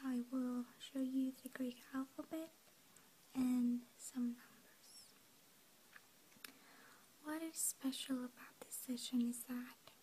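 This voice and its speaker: A woman teacher giving an ASMR language lesson, whispering softly throughout with calm, gentle instructions. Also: high voice, slight background noise, low-quality recording.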